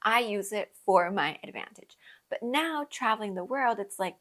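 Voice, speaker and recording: This podcast host is a young Colombian-born woman who grew up in the US, spinning travel tales in relaxed storytelling chat. She speaks at a moderate pace in a mid-range, fairly bright voice with lively intonation, peppering her talk with fillers, frequent laughter, and acted-out reactions.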